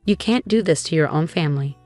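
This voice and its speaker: A woman narrator voicing pleading, guilt-tripping parents in a scripted story, quiet but firm. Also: sits low, lively intonation, fairly quick, no room sound, soft background music.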